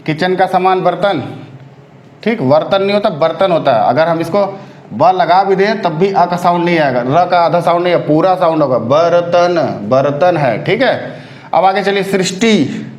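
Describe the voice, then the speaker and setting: A man with a high-set voice teaches a spelling lesson for exam candidates. He repeats each word several times and keeps checking that his students follow along. The sound carries a noticeable room echo. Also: normal speed, muffled recording. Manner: drills correct forms, repeating words with frequent check-ins.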